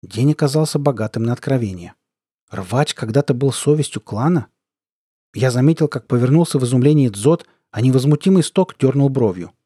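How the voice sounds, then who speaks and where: A man narrates a first-person audiobook in a measured, even way. His voice is mellow and warm, at a middle pitch. The recording is dry and close. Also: breathy edge, no echo.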